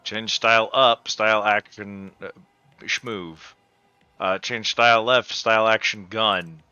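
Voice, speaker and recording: A man's voice: lowish voice, fairly even intonation, slow pace, pushed and bright, smooth, dry recording, dull audio. A man giving casual let's-play commentary, joking and swearing in slangy speech over game music. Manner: profane, jokey, slangy. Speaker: gamer playing and commentating.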